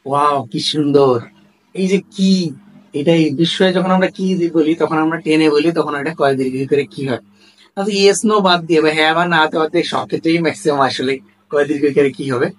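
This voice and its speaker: A man teaches a spelling rule. His voice sits a little high, and he speaks emphatically, often repeating example questions back to the listener. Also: slight background noise, rough recording. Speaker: language teacher. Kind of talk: explanatory lesson to camera.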